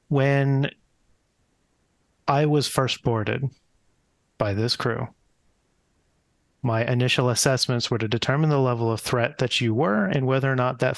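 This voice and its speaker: A man voicing a guarded, coolly analytical AI crew member in a tabletop game, speaking formally and deliberately. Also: mid-range voice, gravelly, dry recording. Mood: cool, measured.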